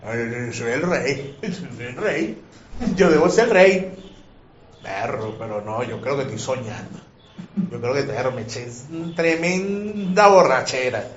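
A man voicing a drunken male servant who wakes up believing he is king, talking slowly and sounding bewildered. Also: medium pitch, very animated, reverberant, lo-fi sound, slight background noise, voice pushed down. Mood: dazed.

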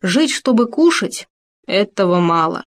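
A woman's voice: mid-range voice, very animated, a little slow. A woman reading a storybook, voicing a thoughtful male hamster who keeps asking about the meaning of life. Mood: earnest. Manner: earnest, insistent questioning.

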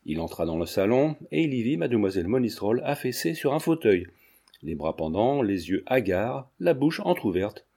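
A man narrating a novel in a measured, steady reading voice. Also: lowish voice, husky. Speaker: audiobook narrator.

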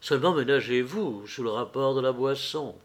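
A man's voice: medium pitch, moderate pace, close to an everyday voice. A man reading as a tender young woman. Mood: cool polite.

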